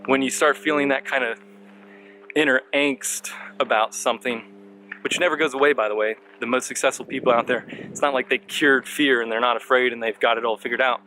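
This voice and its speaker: A man's voice: mid-range voice, pushed and bright, slight background noise, low-quality recording. A man giving earnest, encouraging motivational advice while outdoors on a bike trail, slightly out of breath. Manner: earnest, encouraging, asks viewers questions. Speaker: marketing vlogger. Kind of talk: motivational talk to camera.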